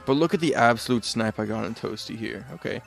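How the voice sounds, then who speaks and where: A man's voice: mid-range voice, quick pace, gravelly, faint music behind. A man streaming a video game live, chatting casually and rambling, often muttering asides and correcting himself. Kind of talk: casual live gameplay chat.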